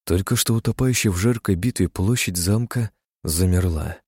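Low, dark-voiced male audiobook narrator. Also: moderate pace, husky, dry recording, clean studio sound. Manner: dramatic, steady reading that voices characters' shouts. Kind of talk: scripted fantasy audiobook narration.

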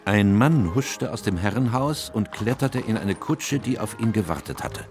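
An actor playing a gentlemanly Victorian doctor narrating a detective case in measured radio-play storytelling. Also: male voice, lowish voice, expressive. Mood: composed, narrating. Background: music.

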